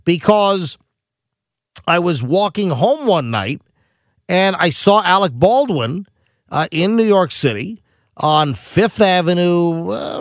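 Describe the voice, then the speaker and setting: A middle-aged man hosting a talk radio show, ranting in a quick, animated monologue full of asides and restarts. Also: high voice, creaky, dry recording, clean studio sound.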